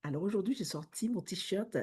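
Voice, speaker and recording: A woman's voice: mid-range voice, expressive, normal speed, a little mellow, slightly rough. A woman in her thirties with an English accent, a chatty vlogger who talks straight to her viewers and often restarts her words. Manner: chatty, addresses viewer as tu, self-correcting restarts. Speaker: vlogger, business coach. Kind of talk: casual direct-to-camera talk.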